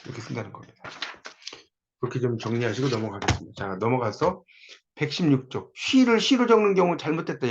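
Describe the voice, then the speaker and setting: A man lecturing in an easygoing, chatty way, saying each word twice to drill it in. The recording sounds muffled and lo-fi. His pitch sits in an ordinary middle range. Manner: conversational, repeats words to drill them.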